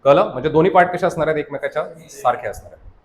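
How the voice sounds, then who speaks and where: Man teaching class, keeps asking "got it?". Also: on the high side. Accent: Marathi. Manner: constantly checks understanding with quick questions to the class; mixes English terms into Marathi teaching. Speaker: science teacher at a coaching academy. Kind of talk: classroom lecture.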